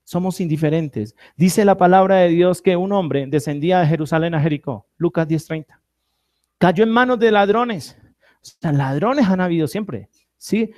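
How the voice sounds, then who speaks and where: A high-voiced man preaches a sermon in a church, calling on the congregation and pulling answers from them. He moves from loud, stressed words to quiet, slow phrases. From Colombia. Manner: preaching with call-and-response to the congregation; animated, swinging between loud and soft. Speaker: pastor.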